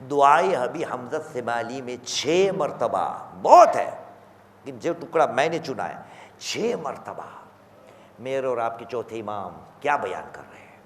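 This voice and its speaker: A man in his fifties delivering an impassioned sermon, swinging from shouts to hushed, quavering lament. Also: medium pitch, very animated, unhurried, a little hiss or hum. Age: 50s. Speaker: preacher. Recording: long hall reverb.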